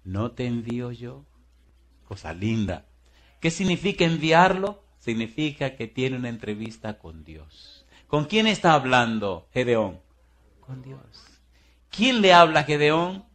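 A man's voice: big pitch swings, a little slow. A man preaching a sermon as pastor, firing rhetorical questions at the congregation in a folksy, teasing way. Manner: swings between booming and hushed.

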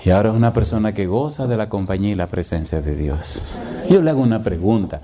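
A man's voice: on the low side, animated, fast, dark tone. A male preacher telling stories in a sermon and firing rhetorical questions at his congregation.

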